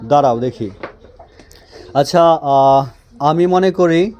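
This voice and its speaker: A male English teacher gives a classroom grammar lesson at an unhurried, deliberate pace. He talks in a slightly higher register, asks questions and answers them himself. He repeats each phrase and drills his students with call-and-response. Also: darkish tone.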